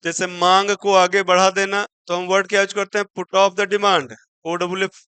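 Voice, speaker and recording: A man's voice: high voice, little pitch movement, bright, forceful tone, smooth, dry recording. A man teaching an exam-prep English vocabulary lesson, mixing Hindi with English terms, asking his own questions and spelling words out letter by letter. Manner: spells words out letter by letter and slows right down on example sentences.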